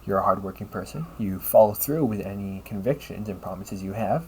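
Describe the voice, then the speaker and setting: In an audio roleplay addressed to the listener, a man lightly acts as a polite, caring A.I. companion who is gently logical and encouraging, speaking in measured, formal phrases and often adding a questioning tag. His mood is earnest and reassuring, his voice fairly low with a darkish tone, and the rough recording has slight background noise.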